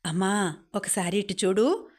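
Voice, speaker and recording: Audiobook: gentle devoted daughter, read by a woman narrator; soft, even delivery. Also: medium pitch, moderate pace, lightly acted. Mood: pleading, tender. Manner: soft, pleading and affectionate.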